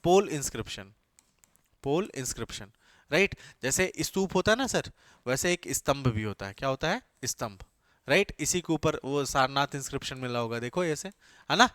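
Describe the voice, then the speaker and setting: In clean, dry studio sound, a man teaches an exam-coaching class at medium pitch, his voice smooth and a bit bright, his pace moderate and intonation lively. He weaves English terms into his Hindi and keeps asking the class questions he then answers himself.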